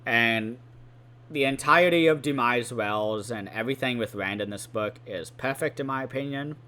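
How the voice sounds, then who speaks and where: A man's voice: mid-range voice, normal speed, sharp tone. A man hosting a book channel, ranking fantasy novels in rambling, enthusiastic casual talk, with lots of fillers and some swearing.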